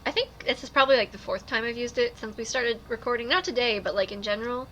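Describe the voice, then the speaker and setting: A woman's voice: a little high, fast talker, fairly bright tone, a little hiss or hum. A woman co-hosting a casual podcast, playful and jokey, repeating her catchphrases. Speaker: podcast co-host.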